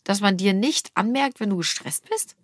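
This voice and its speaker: A woman's voice: medium pitch, lively intonation, moderate pace, no room sound, studio quality. Chatty woman hosting a podcast. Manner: chatty, teasing and insistent. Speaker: podcast host. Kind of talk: casual family podcast chat. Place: recording studio. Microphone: studio mic.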